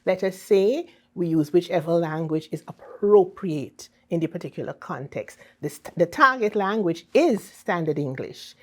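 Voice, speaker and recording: Female interviewee, St Vincent accent, fairly low voice, teacherly and emphatic, checks the listener is following. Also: lively intonation, moderate pace, hardly any pauses, a little mellow. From Saint Vincent and the Grenadines. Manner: teacherly, emphatic, often checks with "okay?" and "right?". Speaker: ambassador being interviewed. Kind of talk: explanatory interview answers.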